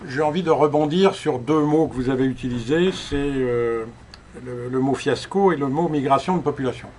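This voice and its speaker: Older male conference lecturer, around seventy, fielding questions with halting, measured talk. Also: medium pitch, darkish tone, a little hiss or hum. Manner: halting, repeats words, measured. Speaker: conference speaker. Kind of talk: answering audience questions.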